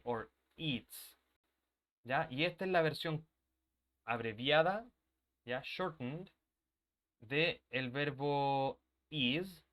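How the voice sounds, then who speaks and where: A man's voice: a little high, a bit bright. A man teaching an online English grammar class, explaining step by step and checking in often with his students, sometimes drifting away from the mic as he moves to the board.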